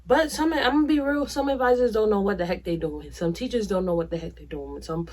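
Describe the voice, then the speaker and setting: A young woman talks to her camera at home in a loose, candid way. She is blunt and chatty, leaning on slang and giving frank advice in a mid-pitched voice. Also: a little fast, darkish tone. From New York. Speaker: vlogger. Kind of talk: casual talk to camera.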